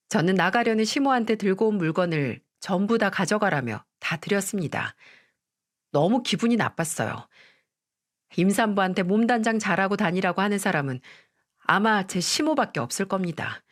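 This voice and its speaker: Lively woman narrating a first-person story. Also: mid-range voice.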